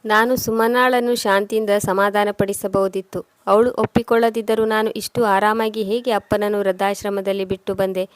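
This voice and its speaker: A woman voicing a guilt-ridden son questioning himself, read in a flat storybook voice. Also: medium pitch, moderate pace, dry recording, lightly acted. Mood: remorseful.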